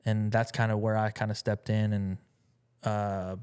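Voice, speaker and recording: A man's voice: on the low side, level tone, measured pace, darkish tone, clean tone. A man talking as a musician guest in a casual interview, rambling with many fillers and restarts.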